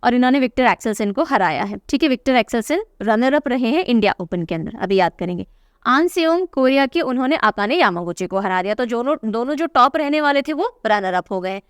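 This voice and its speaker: A young woman teaching current affairs for exam prep keeps things chatty and teasing, repeating key names to drill them in. Her voice is a little high, expressive, a little fast, and clean-toned, in a clean studio recording with no echo.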